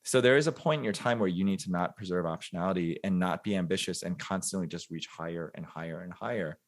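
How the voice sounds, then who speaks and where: A man in his forties with a lowish voice, guesting on a podcast. He speaks in a relaxed, thoughtful way, circling his points with plenty of fillers. He often laughs at himself along the way. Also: fast talker. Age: 40s. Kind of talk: casual interview conversation.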